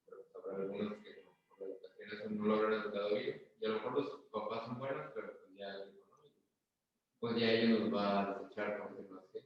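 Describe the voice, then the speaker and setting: A man's voice: lowish voice, fairly even intonation, fast. A man taking part in a church group discussion, answering casually and thinking aloud as he goes. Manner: thinks aloud, hedging with fillers. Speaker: study group participant. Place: church meeting room. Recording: distant, dull and very echoey.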